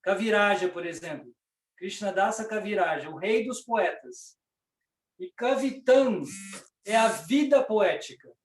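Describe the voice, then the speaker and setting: Higher-pitched Brazilian man teaching in a roomy space. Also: lively intonation, a little slow. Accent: Brazilian Portuguese. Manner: patient, explains step by step with frequent "né?". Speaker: Sanskrit teacher. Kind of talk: explanatory lecture. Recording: roomy, distant mic.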